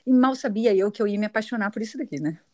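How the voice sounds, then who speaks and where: A middle-aged Brazilian woman with a Brazilian Portuguese accent, a guest telling her story in a casual interview, chatty and quick to laugh. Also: mid-range voice, animated, dark tone. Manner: chatty, laughs often, restarts sentences.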